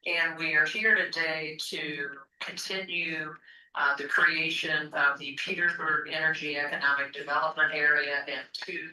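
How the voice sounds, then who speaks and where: A woman's voice: low voice, sharp tone, slight background noise. Woman on a distant speakerphone. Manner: measured, procedural, with frequent "uh" fillers. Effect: heard over a speakerphone. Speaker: legal counsel. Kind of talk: formal briefing at a public meeting. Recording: distant echoey speakerphone in a meeting room.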